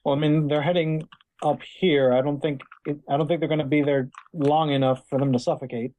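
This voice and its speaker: A man's voice: a little high, steady tone, a little fast, mellow. A young man playing a tabletop game, talking casually and hesitantly with fillers. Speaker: player.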